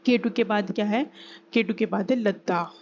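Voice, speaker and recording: A woman teaching an exam-prep geography lesson, repeating key terms slowly and asking and answering her own questions. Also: medium pitch, darkish tone. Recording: slightly dull recording with faint hiss.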